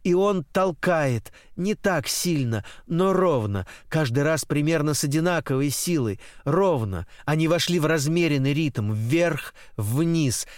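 A man reads a literary novel aloud in a steady, rhythmic cadence. His voice sits a little high for a man, recorded close and completely dry. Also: unhurried, few pauses, dry recording. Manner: steady, rhythmic, repetitive phrasing. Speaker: audiobook reader. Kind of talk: literary audiobook narration.

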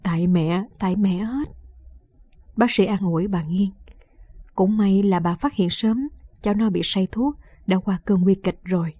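A woman reading a late-night radio story in a calm, measured narration. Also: mid-range voice, no echo.

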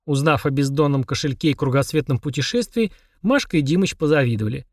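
A man narrating an audiobook in an even storytelling manner. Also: a little high, fast talker, no room sound, clean studio sound.

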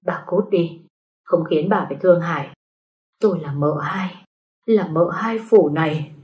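A woman's voice: fairly low pitch, measured pace, a little mellow, roomy sound, natural voice. A woman voicing a jilted young woman in a spoken story, plaintive and pleading. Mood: defiant.

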